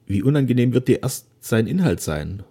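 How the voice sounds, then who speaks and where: A man's voice: medium pitch, lively intonation, normal speed, gravelly, mellow, breathy edge, voice pushed up. A man voicing an ailing old nobleman father, speaking solemnly and wearily in formal old-fashioned language. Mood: solemn remorse. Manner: solemn, weary, formal speech.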